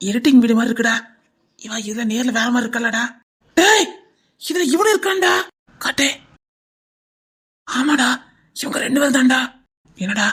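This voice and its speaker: Woman, Tirunelveli accent, comic sketch, nosy gossiping chatter, slightly high voice. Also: husky. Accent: Tirunelveli Tamil. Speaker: sketch comedian.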